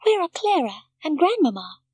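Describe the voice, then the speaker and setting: Little Heidi, high and eager. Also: female voice, very animated, moderate pace, no echo. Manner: bright, breathless calling. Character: eager excitable little girl.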